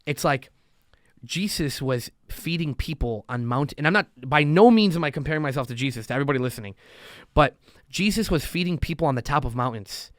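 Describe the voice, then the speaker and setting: A man's voice: on the high side, a little fast, dry recording, studio quality. A man talking as a podcast guest, telling stories in a loose chatty way and acting out the voices of the people he quotes. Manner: animated storyteller, acts out quotes. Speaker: podcast guest, loan officer. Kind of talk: casual conversation.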